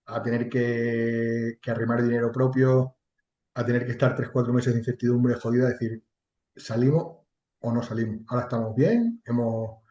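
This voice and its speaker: Mellow and medium in pitch, this man's voice comes through reverberant, lo-fi sound. A chatbot marketing entrepreneur from Extremadura with a Spanish accent, he chats frankly and informally in an interview, with the odd mild curse.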